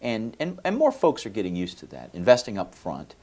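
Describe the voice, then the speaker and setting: A man's voice: fairly low pitch, wildly swooping pitch, brisk, a little mellow. A man from Venezuela, a lawyer answering interview questions in a folksy, explanatory way with many fillers. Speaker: lawyer, guest. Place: TV studio.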